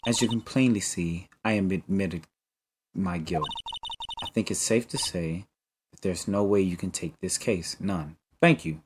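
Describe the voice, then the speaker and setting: A man's voice: sits low, expressive, measured pace, background noise. A man voicing a cold, haughty female prosecutor in a game reading, with a curt manner.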